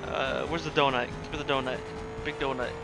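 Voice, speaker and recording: A man giving casual live gameplay commentary, excitable and sweary, sometimes stammering. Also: mid-range voice, fairly quick, over music. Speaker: live game streamer.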